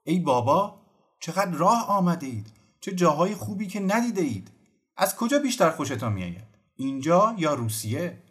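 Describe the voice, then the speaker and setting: A man's voice: fairly high pitch, big pitch swings, a bit bright, pitched above the performer's own voice. A man doing a wry young tree-dwelling baron. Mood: chatty. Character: young nobleman living in trees, curious, wry. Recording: faint music behind.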